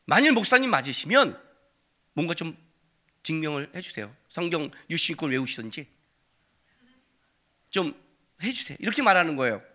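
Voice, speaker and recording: A man in his forties preaching a sermon in a church, telling stories animatedly and acting out the people in them with sudden loud outbursts. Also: on the high side, normal speed, long pauses. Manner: animated storytelling, acts out quoted voices with sudden loud outbursts. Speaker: pastor. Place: church sanctuary.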